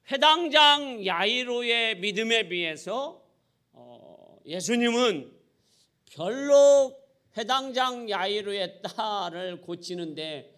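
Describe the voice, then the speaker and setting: Animated high-voiced preaching man. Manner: dramatic preaching, swinging from loud cries to low asides, acting out voices; keeps addressing the congregation. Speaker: pastor. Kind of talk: sermon.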